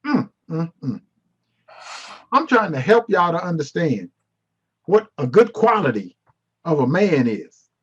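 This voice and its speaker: A high-voiced man with a husky edge leads a casual Bible class on a video call. He teases his students and reacts to the chat, and the call audio sounds dull and lo-fi. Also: sing-song, measured pace. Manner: playful, teasing, responds to chat. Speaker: Bible study teacher.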